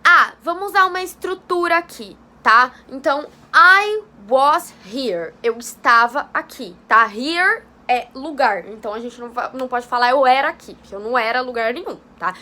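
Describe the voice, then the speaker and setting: A woman's voice: high voice, expressive, normal speed, hardly any pauses, sharp tone. A young Brazilian woman with a chatty, informal manner, giving a casual online English lesson and checking in often with her viewers. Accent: Brazilian Portuguese. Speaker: English teacher.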